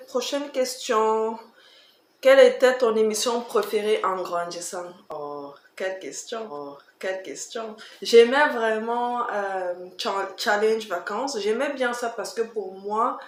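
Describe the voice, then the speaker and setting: A woman with a Cameroonian accent chatting casually for a vlog, emphatic, repeating herself and tossing in rhetorical questions. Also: medium pitch. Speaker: vlogger answering tag questions. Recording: roomy echo, faint background music.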